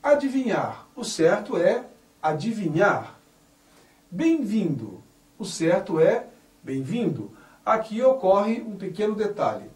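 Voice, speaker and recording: A high-voiced man teaches grammar at a slow, deliberate pace, leaning hard on each corrected word. His voice rises and falls a lot. He sits back from the mic in an echoey room. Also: sing-song, far from the mic. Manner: spells out words carefully, stressing correct forms.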